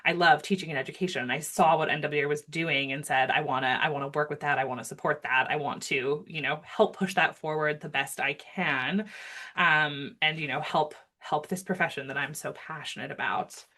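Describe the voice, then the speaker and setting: Interview guest: a woman with a low voice, earnest, filler-heavy delivery. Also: steady tone, fairly quick, sharp tone. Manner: earnest, speaks with many ums and restarts. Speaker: guest, wildlife rehabilitation board member. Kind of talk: casual interview talk.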